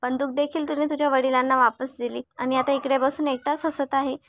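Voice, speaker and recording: A woman's voice: high voice, flat delivery, brisk, no room sound, clean studio sound. A woman voicing a young man who is a curious, loyal friend in a read-aloud story.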